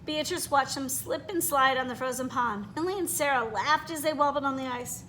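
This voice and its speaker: A woman storyteller reads a children's picture book aloud in an expressive, animated way, pausing to ask her listeners questions. Her voice sits high, and there's a little hiss or hum on the recording.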